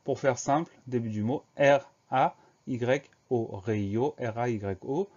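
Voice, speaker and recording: Spelling each word out letter by letter, a young man leads a spelling lesson in a mid-pitched, slightly mellow voice. He speaks slowly and carefully, like classroom dictation, and the recording is somewhat dull and lo-fi.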